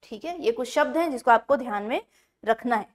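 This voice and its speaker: A woman teaching an exam-prep grammar lesson, explaining step by step and slowing down to spell words out syllable by syllable. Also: fairly high pitch, lively intonation. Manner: explains step by step, often checks in with the class.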